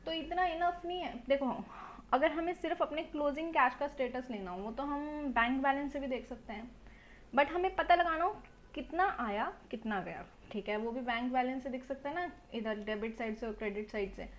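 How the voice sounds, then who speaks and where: A young woman teaching a quick revision lecture, talking fast and asking her students lots of rhetorical questions, recorded on a mobile phone. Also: sits high, a little hiss or hum. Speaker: accounts teacher. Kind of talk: quick revision lecture mixing Hindi and English.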